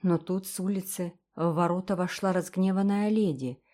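A woman's voice: lowish voice, normal speed. Woman reading a story aloud. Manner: lively, expressive reading. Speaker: audiobook reader. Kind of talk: storybook narration.

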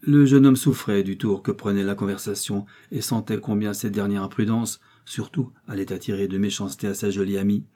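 A man narrating a classic novel in a steady, measured way. His voice is dark and mellow, with a husky grain, and sits at a mid pitch. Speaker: audiobook reader. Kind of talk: scripted storybook narration.

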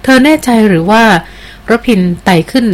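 A woman's voice: fairly high pitch, animated, normal speed, pitched above the performer's own voice, natural voice. A woman reading aloud as a bold young woman who teases and presses for answers in an audiobook. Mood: insistent. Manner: teasing and insistent.

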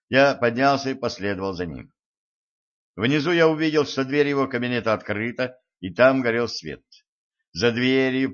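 A male narrator reads a first-person thriller with an even, measured delivery. His voice sits mid-range for a man, and the recording is dull and lo-fi. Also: mid-range voice. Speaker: audiobook narrator. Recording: muffled lo-fi recording.

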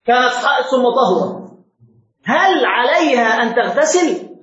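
A man's voice: very high-pitched, big pitch swings, normal speed, fairly bright tone. A man giving a classroom lecture as a religious teacher, quizzing his students with repeated questions. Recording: very echoey room, dull lo-fi sound.

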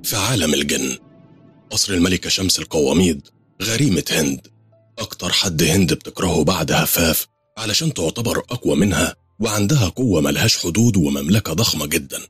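Brief: Egyptian male narrator, deep breathy voice, horror story reading. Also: lively intonation, fast talker, fairly bright tone, no room sound, faint music behind. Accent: Egyptian Arabic.

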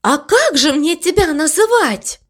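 A kindly mother cow who wonders about everything, her voice lifted high above the narrator's own, as a woman puts her on. She speaks slowly and warmly, with lots of lilt in every line. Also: sing-song, exaggerated voice. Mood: curious. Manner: wondering, soft-hearted. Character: gentle curious mother cow.

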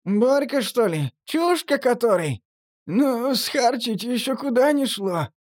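A man's voice: very high-pitched, lively intonation, takes it slowly, voice pushed up, exaggerated voice. A man voicing a scrawny, giggly drug addict who talks through his nose. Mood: mocking. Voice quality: nasal. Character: nasal scrawny male junkie, giggly and jittery.

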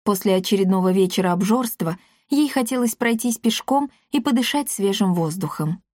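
A woman's voice: medium pitch, lively intonation, a little mellow, no room sound. Woman reading a storybook, dry sound. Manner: measured, storytelling. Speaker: audiobook narrator. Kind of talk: scripted narration.

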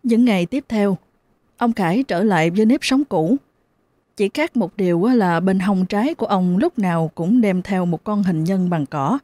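Brief: woman storyteller, steady horror narration, warm dark tone. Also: mid-range voice, moderate pace, no room sound.

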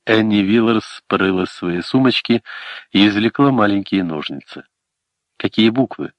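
Deep-voiced man narrating a story. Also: normal speed, dry recording. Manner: steady storytelling reading. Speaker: audiobook narrator. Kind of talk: scripted first-person narration. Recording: dull, dry lo-fi recording.

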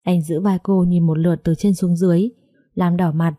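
Calm, low-voiced woman narrating a story. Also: normal speed, no room sound, clean studio sound. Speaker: audiobook narrator. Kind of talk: scripted narration.

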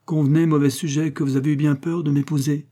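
A man's voice: on the high side, little pitch movement, fast talker, dark tone, voice pushed up, lightly acted. A man reading aloud who voices a stern, mocking noblewoman, a marshal's widow, who gives cold, curt orders. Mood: scornful.

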